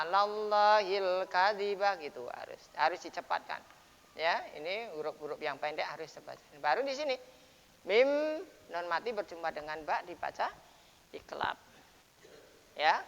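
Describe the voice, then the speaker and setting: A man teaching recitation rules at a dawn mosque lesson, patiently explaining and then chanting the words slowly and loudly. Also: sits high. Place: mosque, after dawn prayer. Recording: dull lo-fi sound with long mosque reverb.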